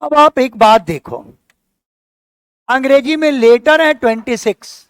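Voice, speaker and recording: A man's voice: very high voice, a little slow, smooth, no room sound. A male teacher giving a classroom lecture, explaining things step by step and asking his students questions as he goes.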